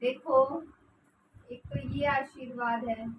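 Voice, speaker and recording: A woman's voice: sits high, slow, dull audio. A woman teaching a grammar lesson who asks rhetorical questions, answers them herself and dictates notes for her students to write down. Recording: roomy echo, distant mic, noisy.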